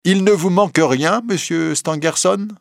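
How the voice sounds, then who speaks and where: A man's voice: high voice, measured pace, creaky, no room sound, clean studio sound, voice pushed up. Cocky young reporter, precise and assured, voiced by a man. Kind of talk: audiobook character reading.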